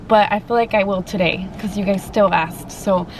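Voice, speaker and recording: A woman chatting casually and haltingly to viewers in slangy, informal speech while eating, sometimes with her mouth full. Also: medium pitch, steady tone, rough recording. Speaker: mukbang vlogger. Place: open-top Jeep outdoors. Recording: clear car and outdoor ambient noise.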